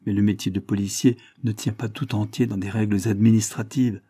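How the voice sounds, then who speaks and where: A man reading aloud, voicing a confident, hearty male police chief with a vibrant, brisk manner. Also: lowish voice, little pitch movement, warm tone, husky, no echo.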